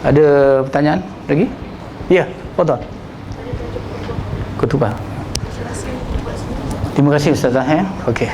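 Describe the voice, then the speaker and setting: A man with a Malaysian Malay accent teaches a room of students in a relaxed lecture. His voice sits fairly high, and he keeps checking that people follow. A faint hiss runs under the recording. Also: measured pace, creaky, pauses often. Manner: conversational, acts out examples, checks understanding with "ya". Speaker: religious teacher leading a sermon-writing workshop. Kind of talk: workshop lecture.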